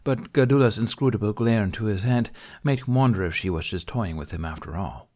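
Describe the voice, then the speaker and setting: A man narrates a scripted story like an audiobook, his low voice slightly mellow and his pace brisk.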